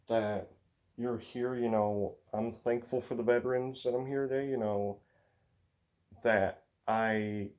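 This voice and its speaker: A teenage racing vlogger from the U.S. with an Upper Midwest accent offers a rambling, casual monologue, hesitant and laden with fillers and sighs. His voice is on the low side and a little mellow.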